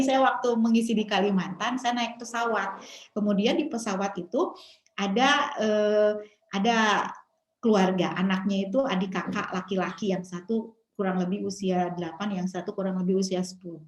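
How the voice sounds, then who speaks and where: A woman's voice: medium pitch, normal speed, slight background noise. A woman with a Sundanese-tinged Indonesian accent giving a parenting seminar, telling stories with animation and acting out parents' and children's lines. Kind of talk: seminar talk. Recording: echoey room.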